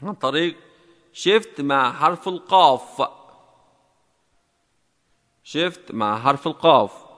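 Bright-voiced male teacher in a reverberant room. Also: a little high, expressive. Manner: slow and deliberate, repeats key steps. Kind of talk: step-by-step typing lesson.

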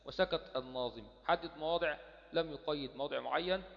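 A man with an Egyptian accent teaching Quran recitation rules, quoting verses in a slow chant and answering his own questions. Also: fairly high pitch, vocal fry. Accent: Egyptian Arabic. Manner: asks rhetorical questions and answers them himself. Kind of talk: explaining a verse text line by line. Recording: dull sound with long reverb.

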